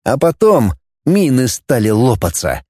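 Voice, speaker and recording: Male audiobook narrator, lively pitch, dramatic read, dry close mic. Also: unhurried, no echo. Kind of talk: scripted narration.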